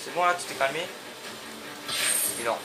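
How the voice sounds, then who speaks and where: A young man casually commenting on his gameplay, excitable and talking back to the characters on screen, often repeating himself. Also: medium pitch, normal speed, loud music behind the voice. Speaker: let's play gamer.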